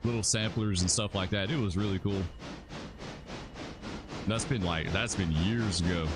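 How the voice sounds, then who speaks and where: A man from Alabama commentates his live stream casually, rambling on and chatting with viewers in a laid-back way, calling them dude and bro. He has a low voice at a normal speed, with music playing in the background.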